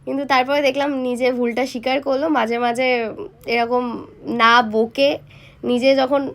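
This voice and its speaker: Young mother vlogger, high voice, chatty direct-to-viewer narration. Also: little pitch movement, moderate pace. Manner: chatty, talks straight to viewers. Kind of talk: casual vlog narration.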